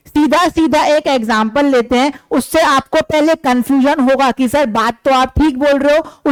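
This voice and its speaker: A man's voice: extremely high pitch, no echo, rough recording. A man teaching a physics class who keeps asking questions and answering them himself, calling his listeners his dear students.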